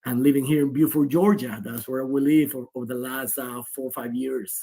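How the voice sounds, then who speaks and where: A man in his forties, the player's father, appears as a guest in a casual remote video-call interview, talking at length with many restarts. His medium-pitched voice is warm and husky, with fairly even intonation and a slightly fast pace.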